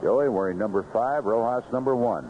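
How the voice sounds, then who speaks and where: A man with a mid-range voice calls live baseball play-by-play at a moderate pace from an outdoor ballpark broadcast booth. His phrases are clipped and conversational, heard through a noisy, muffled vintage 1970s radio broadcast.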